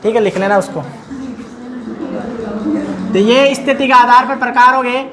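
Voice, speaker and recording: A man's voice: very high-pitched, unhurried, rough recording. A man teaching a lecture, repeating key terms and asking his listeners questions as he goes. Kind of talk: classroom lecture. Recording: crowd noise behind.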